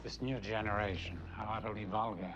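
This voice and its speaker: A man's voice: fairly low pitch, brisk, lo-fi sound, close to an everyday voice. A man playing a genteel, disdainful veteran thief with refined, haughty phrasing in a crime drama, over noisy ambience. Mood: cool disdain. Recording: noisy ambience behind dialogue.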